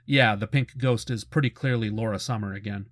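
The host here is a middle-aged man with a lowish voice who speaks briskly about cartoons of the past, casual and informative with a fan's conversational zeal. The studio-quality voice-over is close and dry, without any room sound.

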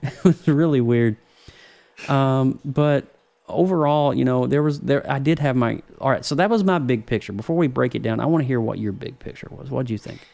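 Gravelly-voiced guy rambling thru a movie review, lots of restarts. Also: mid-range voice, moderate pace, a little mellow. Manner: rambling, many restarts, laughs often. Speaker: podcast co-host, film reviewer. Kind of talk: casual chat.

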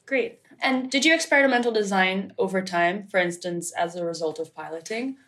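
A woman interviewing a researcher, asking measured questions and adding brief backchannel replies. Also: mid-range voice, a bit bright.

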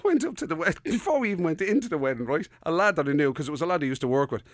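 An Irish man co-hosting a casual chat, telling animated anecdotes and swearing. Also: on the high side, racing, no room sound, studio quality. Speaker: podcast co-host.

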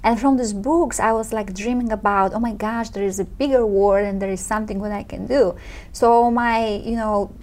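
A woman in her thirties from Poland with a Polish accent, chatting as an interview guest, often laughing and pausing with fillers. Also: medium pitch, steady tone, darkish tone. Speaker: guest entrepreneur. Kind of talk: casual interview chat.

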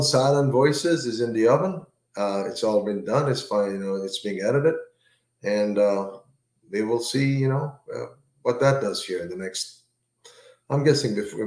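Low-voiced male author with echoey sound. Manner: relaxed, repeats words, many fillers. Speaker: author guest. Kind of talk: casual interview chat.

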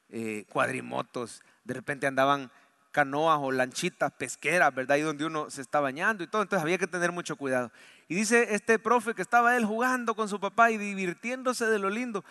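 A man with a Salvadoran Spanish accent preaching a sermon in church, telling a story softly, then rising to loud, fervent exhortation. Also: sits high. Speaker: pastor. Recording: long hall reverb.

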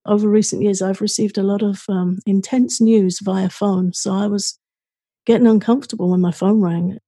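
A woman co-hosting a podcast, giving calm self-help advice in a conversational way. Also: mid-range voice, moderate pace, breathy edge, dry recording, clean studio sound. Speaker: podcast co-host.

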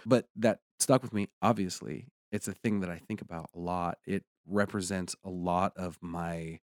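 Deep-voiced man telling a lively story. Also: normal speed, no room sound, studio quality. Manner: animated storyteller, rising to excited peaks. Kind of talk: casual conversation, storytelling.

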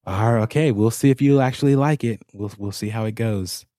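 A man's voice: mid-range voice, brisk, warm tone, no echo, studio quality. A man hosting a podcast in a casual, chatty style. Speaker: podcast host. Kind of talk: casual chat.

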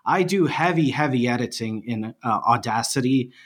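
This mid-range male voice belongs to a man from Bosnia and Herzegovina, a podcast guest in a casual interview chat. He talks animatedly at a normal speed, mocking himself and laughing often.

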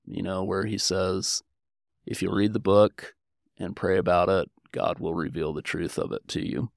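This American historian, speaking in an interview, explains and recounts personal stories in an informal, earnest, chatty way. His voice is lowish, creaky and a little mellow, and there's no room sound.

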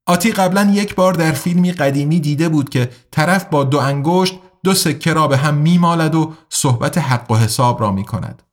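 A male audiobook narrator with a voice that sits a little high. He reads steadily and evenly, in a measured way.

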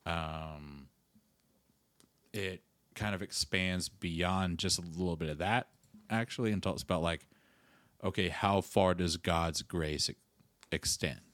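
A man's voice: deep voice, slow pace, long pauses, fairly bright tone, no echo. A man co-hosting a podcast in casual chat, wry and joking, laying out the topic plainly. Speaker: podcast co-host.

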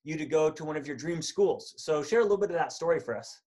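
A man's voice: a little high, lively intonation, fast, a little mellow. A man hosting an interview podcast, reading a friendly scripted intro before chatting with his guest on a video call. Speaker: podcast host.

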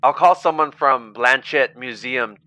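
A man voicing an eager, blunt young male anthropologist in an audio story, talking in a quick, businesslike way. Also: medium pitch, sharp tone, dry recording. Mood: brisk.

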